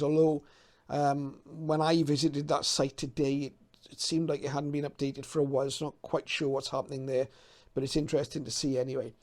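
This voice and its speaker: A British man in his fifties hosts a hobby channel from his small, cluttered home radio room, chatting casually to the camera. His voice sits on the high side and is a little mellow, and he explains things somewhat hesitantly, thinking aloud as he goes.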